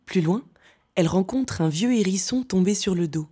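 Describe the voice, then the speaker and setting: A woman voice-over artist with a smooth, soothing read, doing commercials, a voicemail greeting and storybook narration. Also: medium pitch, expressive, moderate pace, warm tone.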